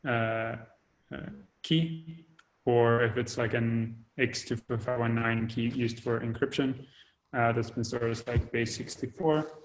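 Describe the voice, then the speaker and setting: A man explains technical work over a video call, stopping and restarting often and filling pauses as he talks. His voice stays flat, with little rise or fall in pitch. The call audio breaks up now and then. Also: poor audio. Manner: hesitant, many fillers and restarts. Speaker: developer giving an update.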